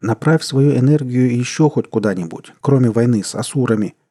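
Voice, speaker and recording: A man's voice: medium pitch, brisk, warm tone, pitched above the performer's own voice, natural voice. A man voicing a weary middle-aged king and stern, worried father in a read-aloud story. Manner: heavy, stern, bitter.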